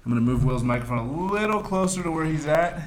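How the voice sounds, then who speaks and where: Running a blind taste test on his podcast, this man speaks quickly in a fairly high voice with lively intonation, full of jokey game-show announcer patter and chuckles. There's a roomy echo and a little hiss or hum.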